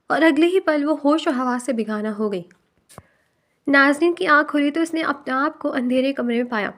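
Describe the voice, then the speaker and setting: A woman's voice: high-pitched, a bit bright. A woman narrating a romantic novel aloud, reading every part herself. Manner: reads every part herself, with quoted dialogue.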